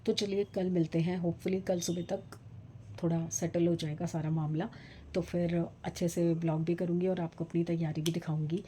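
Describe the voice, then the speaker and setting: A woman's voice: fairly low pitch, dark tone, a little hiss or hum. A middle-aged woman talking casually in a home vlog, rambling and chatty with many fillers. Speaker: vlogger.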